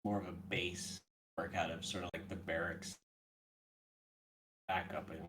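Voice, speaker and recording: A man playing a tabletop game online, speaking quietly and hesitantly, his voice cutting in and out over voice chat. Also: sits low, little pitch movement, a little hiss or hum, poor audio. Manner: quiet and hesitant, with pauses and fillers. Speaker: player. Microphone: desktop microphone.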